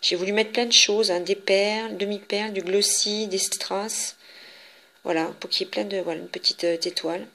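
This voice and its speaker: A woman with a French accent casually shows her handmade cards, talking in a chatty, halting way with many fillers and restarts. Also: medium pitch, fairly even intonation, sharp tone. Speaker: papercraft vlogger.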